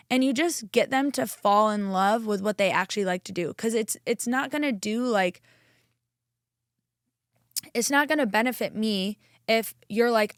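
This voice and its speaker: A woman's voice: medium pitch, dry recording, studio quality. A young woman chatting casually as a podcast guest, upbeat and full of fillers. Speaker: chiropractor and guest.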